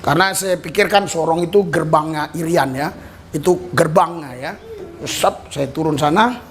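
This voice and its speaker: High, animated Indonesian man preaching. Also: normal speed, slight background noise. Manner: animated storyteller, jumps between loud cries and low asides, laughs. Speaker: pastor. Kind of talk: sermon, telling a personal story.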